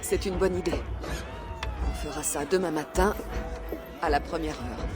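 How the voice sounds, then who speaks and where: A woman playing a gentle, encouraging Viking mother in a video game, calm in manner. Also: on the low side, takes it slowly, creaky, full character voice. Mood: warm, encouraging. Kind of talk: French video game voice acting. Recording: loud music and crowd behind voice.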